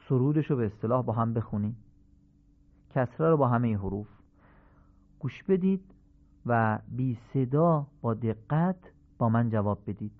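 A man teaching Quranic pronunciation on a radio program, drilling syllables slowly and deliberately. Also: mid-range voice. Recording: tinny phone-like radio sound.

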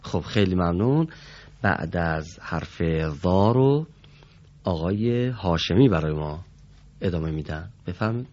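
Low-voiced man teaching letter sounds. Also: expressive, darkish tone, highs cut off. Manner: patient and formally polite, modelling letter sounds for students to repeat. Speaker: Quran reading teacher. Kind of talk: classroom instruction.

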